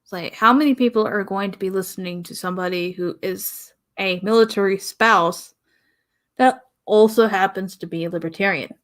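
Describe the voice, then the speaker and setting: A young woman from the American South hosting her own podcast in a casual, rambling way, pausing often and sighing. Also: mid-range voice. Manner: rambling, pauses often, sighs. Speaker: podcast host. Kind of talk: casual solo podcast talk.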